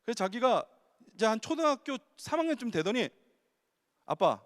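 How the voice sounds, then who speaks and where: Pastor guy in his 40s preaching, high bouncy voice, jokey family stories, big church reverb. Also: very animated, quick pace. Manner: humorous anecdotal storytelling to the congregation. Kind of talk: sermon at a Friday prayer meeting. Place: large church sanctuary. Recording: long hall reverb from the sanctuary.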